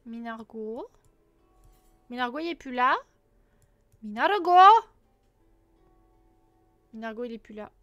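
Over soft background music, a streamer with a slightly high, bright, forceful voice chats animatedly at normal speed, pausing often. She's playful and teasing with her viewers, humming and singing syllables between lines, and the audio has no echo.

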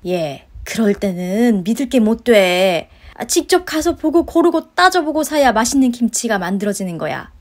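A woman's voice: a little high, sing-song, normal speed, few pauses. A woman voicing a pushy, guilt-tripping older mother-in-law in a story-radio drama, scolding and sighing. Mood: nagging. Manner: scolding, wheedling, sighs of complaint.

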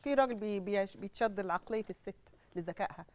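Fast-talking Egyptian woman astrologer. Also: medium pitch, slight background noise. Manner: explains confidently in lists. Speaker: astrologer guest. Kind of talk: studio talk-show discussion.

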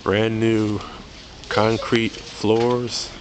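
A man's voice: fairly low pitch, level tone. An American man casually narrating a walking tour of a large department store, speaking offhand into a handheld camera. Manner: offhand, unhurried commentary while walking. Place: large indoor department store in a shopping mall. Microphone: handheld camera microphone. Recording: loud air-conditioning hum and store noise.

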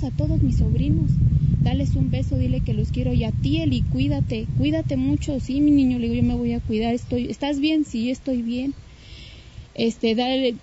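A woman's voice: a little high, highs cut off, very noisy. A woman with a Mexican Spanish accent, tenderly remembering her late brother in an emotional interview, often quoting their conversations. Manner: tender, reminiscing, quotes dialogue. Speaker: grieving sister of the deceased.

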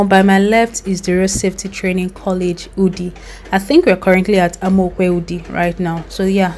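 A woman's voice: medium pitch, darkish tone, slight background noise. A young Nigerian woman narrating her road trip in a chatty, recommending voice-over with loose asides. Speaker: vlogger. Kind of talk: travel vlog voice-over.

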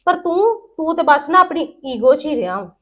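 A woman acting as an aunt in a scripted family drama, scolding and emotional, her voice rising loud when upset. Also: high-pitched, expressive, normal speed, lo-fi sound.

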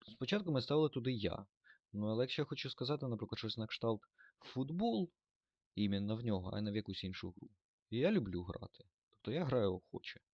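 Male German tutor, low voice, thinks aloud through examples, dull dry recording. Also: no room sound. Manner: thinks aloud, fillers and self-corrections. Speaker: German language teacher. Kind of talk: explanatory grammar lesson.

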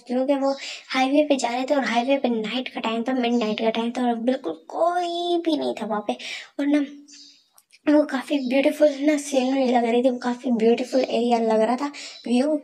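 High-voiced woman retelling a story. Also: a little mellow. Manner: rambling with frequent fillers and restarts.

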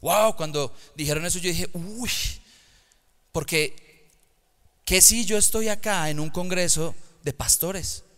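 A man preaching a lively sermon to young people in a church, swinging from hushed, slow words to loud, emphatic calls. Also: high-pitched. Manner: dynamic, swings from hushed to shouting. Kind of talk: sermon to youth.

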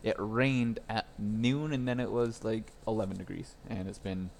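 A man's voice: lowish voice, steady tone, normal speed, vocal fry, a little mellow, a little hiss or hum. A young man chatting casually with viewers on a live stream while repairing a phone at his workbench, rambling and laughing as he goes.

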